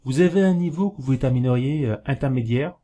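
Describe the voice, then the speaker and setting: A man talking casually to camera, giving practical tips in a rambling, hesitant way, with many fillers and self-corrections, slowing down to spell things out. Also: mid-range voice, mellow. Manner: explains slowly, spelling things out while writing. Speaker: video host giving learning tips.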